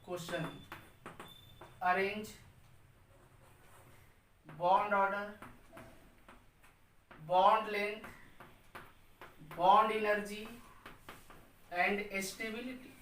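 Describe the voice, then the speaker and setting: A man's voice: high voice, steady tone, drawn-out words, long pauses, pushed and bright. A male chemistry teacher lecturing a class, drilling students by asking questions and answering them himself, and repeating key terms in a chanting rhythm. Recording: echoey room, distant mic, faint hiss.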